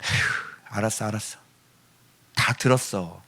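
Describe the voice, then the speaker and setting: A preacher putting on a weary, doting God. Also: male voice, very high voice, moderate pace, sharp tone, pitched above the performer's own voice. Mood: exasperated. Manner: weary, indulgent scolding. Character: God, exasperated yet doting father figure.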